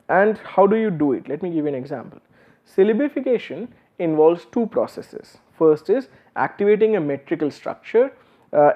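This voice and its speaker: Man lecturing, fillers and restarts. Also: a little high. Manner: many fillers and restarts, explanatory. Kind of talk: university lecture. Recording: slightly dull lo-fi recording.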